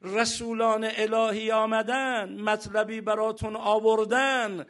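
High-pitched guy giving a sermon, lots of rhetorical questions, chants verses nice and slow. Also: little pitch movement, a bit bright. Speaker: preacher.

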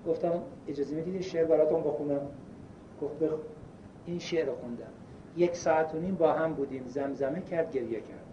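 A man preaching a sermon and telling stories, swinging between loud emphasis and hushed quotes. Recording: echoey, distant, dull lo-fi with faint rumble.

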